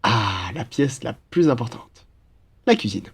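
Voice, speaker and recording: Big pitch swings mark this medium-pitched male voice, which moves a little slowly over slight background noise. A young man performs a cheeky, upbeat student roommate in a casual French roleplay, friendly, playful, slangy, and enthusiastic.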